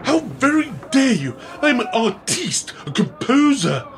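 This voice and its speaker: Man acting, pompous peevish composer, comedy sketch, high male voice, slow delivery, faint background noise. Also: very animated, exaggerated voice. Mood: haughty, affronted. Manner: haughty, dramatic, easily affronted.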